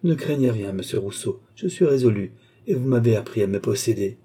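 Brief: male narrator doing a ragged young man, earnest and resolute, low husky audiobook voice. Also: expressive, brisk, mellow. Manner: earnest, pleading yet determined. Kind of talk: audiobook reading.

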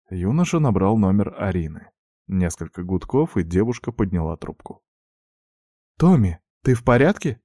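Guy reading a story out loud, expressive, mellow dark tone, low voice. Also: no echo, clean studio sound. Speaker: narrator. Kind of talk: audiobook narration.

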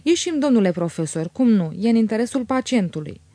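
A woman reader voicing a sly, falsely pious man who talks in an unctuous, smooth way. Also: on the high side, very animated, warm tone, dry recording. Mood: oily. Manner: unctuous, feigned piety.

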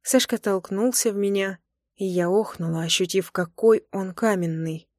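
A woman narrating a first-person romance audiobook with an intimate, expressive reading. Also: medium pitch, normal speed, no echo, clean studio sound.

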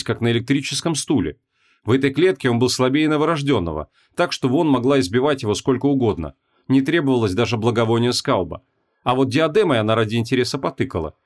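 A man narrating a fantasy audiobook in an even, measured storytelling manner. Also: mid-range voice. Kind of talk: scripted narration.

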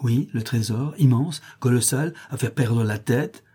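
A man voicing an old Mexican nurse woman, speaking gently and persistently. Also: medium pitch, a little slow, husky. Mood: earnest.

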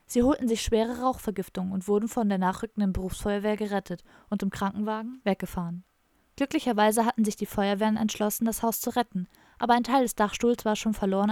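Gravelly-voiced woman reading a comic audiobook. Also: medium pitch, a little mellow, no echo, studio quality. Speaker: audiobook narrator. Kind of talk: scripted audiobook narration.

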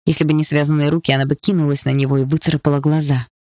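A man narrating a dramatic audiobook in a measured voice. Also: a little high, level tone, a little mellow, no echo, clean studio sound.

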